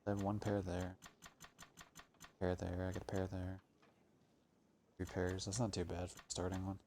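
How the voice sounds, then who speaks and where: Male gaming streamer, low gravelly voice, mutters and swears while he plays. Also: completely flat delivery, normal speed, mellow, slight background noise. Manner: grumbling, swears often, thinks aloud. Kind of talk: casual gameplay commentary.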